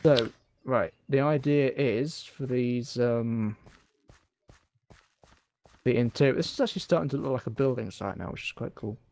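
A man's voice: mid-range voice, normal speed, gravelly, a little mellow, slight background noise. A man hosting a casual gaming session, playful and chatty, who drifts into song and silly voices. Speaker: let's play host. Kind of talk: casual chat while gaming.

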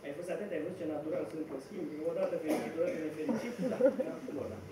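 An actor playing a boastful, cynical young idler on a small theatre stage, talking with swagger and theatrical flair. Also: male voice, on the high side, over a noisy crowd, close to an everyday voice. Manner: swaggering, theatrical, laughing at his own schemes. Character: boastful cynical young man-about-town, idle schemer. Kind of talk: live stage comedy acting. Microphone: far camera mic. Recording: echoey theatre, distant mic, noise.

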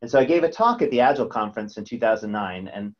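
A man's voice: fairly low pitch, expressive, fast, muffled recording. A man speaking as a guest in a webinar over a video call, often repeating words as he restarts. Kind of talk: webinar presentation. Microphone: webcam on video call.

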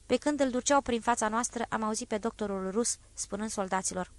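A woman voicing a grave male exile who recounts an execution in a low, even, measured tone. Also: no room sound, natural voice. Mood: somber. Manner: measured, somber retelling.

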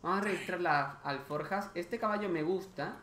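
A man's voice: sits high, moderate pace, pushed and bright, roomy sound, slight background noise. A man from hosting casual let's-play commentary, talking straight to his viewers, exasperated and swearing often. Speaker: gaming video host.

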